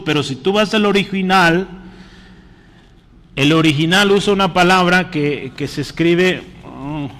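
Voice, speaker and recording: A man delivers an interactive sermon, often pausing to ask his listeners whether they follow and calling them brother. His voice sits a little high for a man. It rings with the long reverb of a church hall. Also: a bit bright. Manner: keeps checking in with the congregation, calling them brother. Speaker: preacher.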